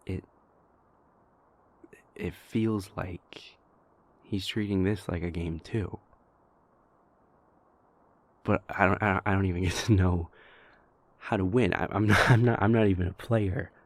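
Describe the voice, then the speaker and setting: In an intimate audio roleplay, a man plays a wounded, devoted vampire prince, speaking haltingly and repeating words in a husky, gravelly voice. His voice sits low with fairly even intonation, and he sounds hurt and frustrated.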